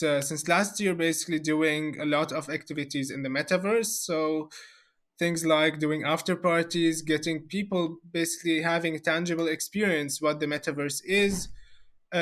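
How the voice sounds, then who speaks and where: A Syrian man appears as a guest expert in a video interview, speaking haltingly with lots of fillers and repeated words. His voice is on the higher side and fairly bright.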